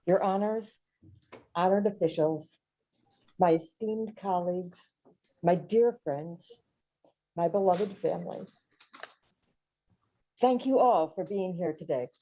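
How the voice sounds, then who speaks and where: A woman's voice: fairly low pitch, slow, long pauses, warm tone. A woman judge delivering a formal prepared speech of thanks. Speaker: newly sworn-in judge. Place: courtroom. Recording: dull, muffled sound.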